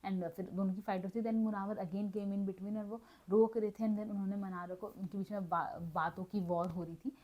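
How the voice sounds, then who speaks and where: Woman vlogger, casual recap voice, mid pitch, chatty with self-corrections, slightly muffled lo-fi audio. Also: fairly even intonation, normal speed, few pauses. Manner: mixes Hindi and English, chatty with frequent self-corrections. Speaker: reality show recap vlogger. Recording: dull lo-fi audio.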